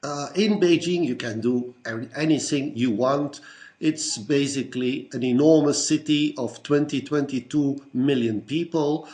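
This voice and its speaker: Older Belgian man, measured self-introduction. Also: mid-range voice, a little mellow. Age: 60s. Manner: measured, lists things one by one with frequent "uh" fillers. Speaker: Rotarian introducing himself. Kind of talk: recorded self-introduction to fellow club members.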